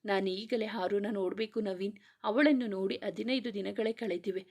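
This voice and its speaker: A woman's voice: medium pitch, steady tone, normal speed, a little mellow, close to an everyday voice. A woman voicing a grieving young man who urgently pleads to see his sister, in a read-aloud romance story. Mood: pleading. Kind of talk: reading a serialized romance novel aloud.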